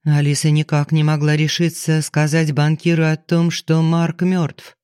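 A man narrating a thriller audiobook in a measured, dramatic reading style. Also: a little high, completely flat delivery, a little mellow, clean tone, no room sound, clean studio sound.

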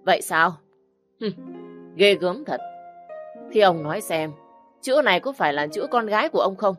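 A woman's voice: on the low side, lively intonation, normal speed, soft background music, natural voice. A woman voicing a harsh, scheming middle-aged village woman who accuses and barks orders. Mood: accusing. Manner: accusing, scornful, barking orders.

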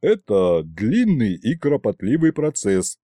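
A man voicing a proud, loyal general who speaks in a firm, steady voice. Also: mid-range voice, takes it slowly, dry recording, clean studio sound, heavily acted.

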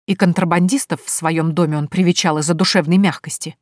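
A steady, low-pitched voice of a young pregnant woman, as a woman narrator gives her. She is calm and firm, cold and measured as the mistress of the house. The audiobook sound is dry and close. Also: dry recording, lightly acted.

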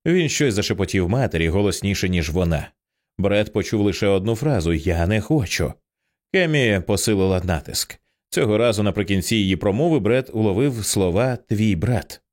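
A male narrator reads a thriller audiobook with expressive, tense delivery. His voice is on the low side. His pitch moves a great deal from phrase to phrase. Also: brisk.

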